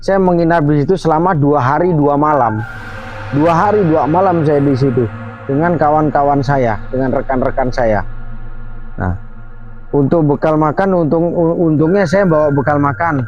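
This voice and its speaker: Outdoors at night, a male host tells a true story in earnest, his fairly high voice moving at a moderate pace. He speaks emphatically, with many filler words, and the lo-fi recording carries faint music.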